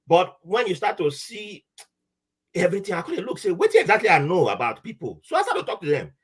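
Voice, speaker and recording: This man speaks fairly quickly in a high register with a breathy edge. Guesting on a podcast, he tells a story casually in a Nigerian accent, lively and mixing in Nigerian Pidgin while performing quoted voices.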